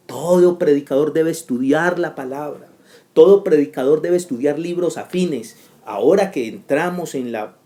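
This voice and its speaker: A man's voice: a little high, warm tone. A man teaching a class for preachers in a sermon style, with an emphatic, repetitive cadence and sudden rising bursts.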